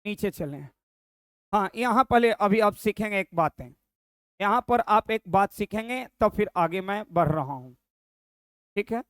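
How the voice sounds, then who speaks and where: A male Sanskrit teacher talks through a screen-recorded lesson. He says each form twice and keeps asking the viewer what it reads as. His voice is smooth and clear, recorded dry and close. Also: sits high, lively intonation, a little slow, pauses often, a bit bright, dry recording.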